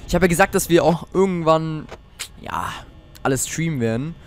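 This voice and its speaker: A man's voice: on the high side, lively intonation, normal speed, a little hiss or hum. A teenage boy playing a horror game, jumpy and swearing often as he talks to his viewers. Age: teens. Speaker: let's player.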